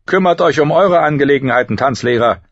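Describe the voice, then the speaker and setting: A man's voice: medium pitch, lively intonation, a little fast, dry recording, voice pushed up. A man voicing an arrogant male knight who gives clipped, curt commands. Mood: commanding. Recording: dull lo-fi recording.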